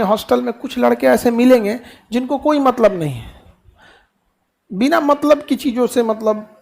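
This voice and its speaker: A man gives a lively motivational speech to his students. His manner is folksy and full of jokes. He often asks the class a question and answers it himself. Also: very high voice, gravelly. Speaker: teacher giving a motivational talk.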